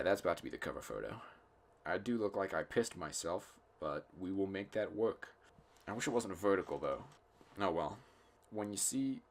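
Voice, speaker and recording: A tired young man rambling casually on a solo podcast, thinking aloud in a self-deprecating way, with a slightly cracky voice and soft, imprecise R sounds. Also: low-pitched, slight background noise. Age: young adult. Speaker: podcast host. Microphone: close podcast microphone.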